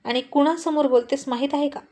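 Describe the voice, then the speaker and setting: A woman's voice: high voice, fairly even intonation, brisk, darkish tone, voice pushed up, close to an everyday voice. A woman voicing a cheeky, hot-tempered male friend. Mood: mocking.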